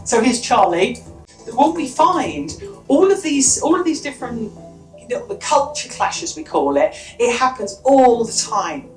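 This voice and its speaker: A woman's voice: on the high side, big pitch swings, unhurried, a little mellow, soft background music. A woman speaking at a conference as a workshop trainer, chatty, with frequent restarts and asides. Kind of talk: lively conference presentation. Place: conference room. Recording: echoey room.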